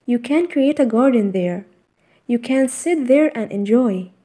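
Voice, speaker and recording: A woman reading a scripted voice-over in a measured, even list-reading way, narrating step-by-step tips. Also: fairly high pitch. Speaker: narrator of a garden design slideshow.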